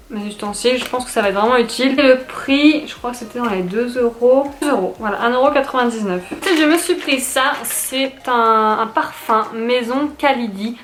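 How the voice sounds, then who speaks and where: A young woman vlogger chatting casually about her shopping, rambling with fillers and restarts. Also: fairly high pitch. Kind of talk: casual haul video chat. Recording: echoey room with faint noise.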